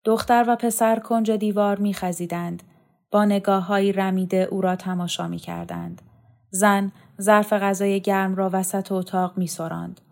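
A woman narrating a novel in a calm, measured literary reading. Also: mid-range voice, gravelly. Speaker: audiobook narrator.

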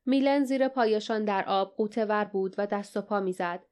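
A woman narrating an audiobook, reading the characters' dialogue with a livelier, raised voice. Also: a little mellow. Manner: reads dialogue with raised pitch and energy.

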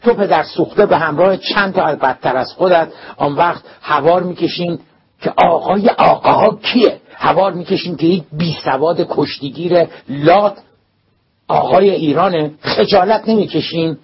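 A man's voice: mid-range voice, fairly even intonation, pauses often, voice pushed up, lightly acted. A man doing a furious bellowing school principal. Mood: furious shouting. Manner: shouting, scolding, threatening. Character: furious middle-aged male school principal. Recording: dull lo-fi recording, faint hiss.

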